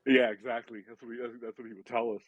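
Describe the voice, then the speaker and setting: A man's voice: mid-range voice, flat delivery, fast, no echo. A man telling casual stories as a podcast guest, rambling with many restarts and filler words. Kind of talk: casual storytelling. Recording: tinny phone-like sound.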